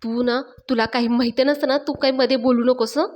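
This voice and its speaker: Woman reading as a quick-tempered, boastful young liar, taunting and defensive, fairly high voice. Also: fairly even intonation, a little mellow, close to an everyday voice. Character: boastful, hot-tempered young man who lies easily.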